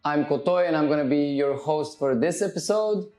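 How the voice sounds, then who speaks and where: A man's voice: a little high, normal speed, darkish tone, reverberant, faint music behind, rough recording. A man hosting a podcast as a barber, chatting casually with a client while cutting his hair, loose and full of fillers. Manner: loose, laid-back, heavy on fillers and swearing.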